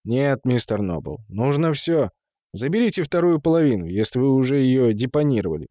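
A man's voice: medium pitch, big pitch swings, normal speed, mellow, no echo, clean studio sound, lightly acted. A man voicing a stern, commanding man who runs a brothel and speaks with firm patience. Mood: patient. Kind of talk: audiobook character voice.

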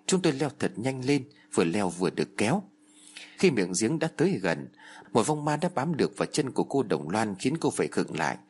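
Male storyteller, husky, very lively pitch, dramatic horror narration. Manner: acts out the characters' shouts and pleas with raised pitch.

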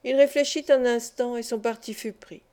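A woman narrates a classic novel in a calm, measured audiobook reading. Her voice sits fairly high but sounds mellow and soft-edged. She lifts it a little when the characters speak. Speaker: audiobook reader.

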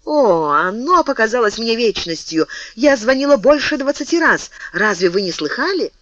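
Guy reading as a sad noble marquise, soft and reproachful, pitch swinging up and down, dull dry lo-fi sound. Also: very animated, moderate pace, no room sound, exaggerated voice. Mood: wistful. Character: noble lady, marquise, tender and sorrowful.

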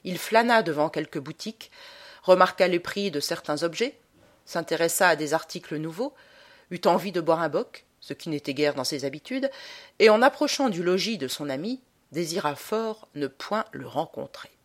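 A woman narrates a short story for an audiobook. Her voice sits low but rises and falls expressively, measured in its delivery. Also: lively intonation. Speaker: reader.

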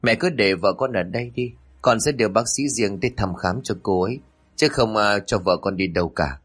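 A man's voice: on the low side, brisk, fairly bright tone, husky. A man voicing a callous young husband who speaks in a curt, dismissive way in a spoken story.

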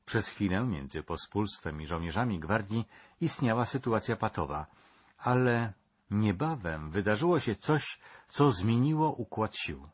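A man narrates a history documentary in a low, husky voice. He reads in a measured, dramatic storytelling way. The recording sounds dull and lo-fi. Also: expressive.

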